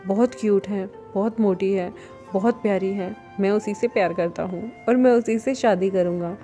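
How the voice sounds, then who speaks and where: A woman voicing a playful young man who teases and scolds gently. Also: mid-range voice, moderate pace, faint music behind, lightly acted. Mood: teasing.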